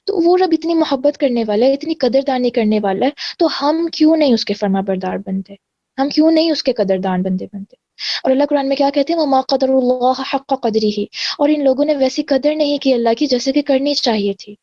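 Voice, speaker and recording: A woman's voice: sits high, mellow, dry recording, highs cut off. A woman teaching a religious lesson, explaining earnestly and mixing in English words. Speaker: Quran teacher.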